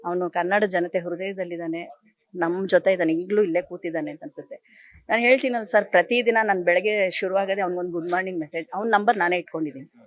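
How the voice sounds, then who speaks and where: Emotional middle-aged actress, tearful. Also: female voice, lowish voice, steady tone. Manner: emotional, speaks of grief with pauses and restarts. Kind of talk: emotional interview.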